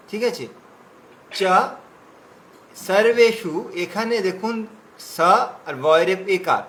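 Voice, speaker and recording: High-voiced man teaching slow chanting. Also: fairly bright tone, slight background noise, poor audio. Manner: corrects pronunciation syllable by syllable, chants verses slowly. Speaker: scripture recitation teacher. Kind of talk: online recitation class. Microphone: video call.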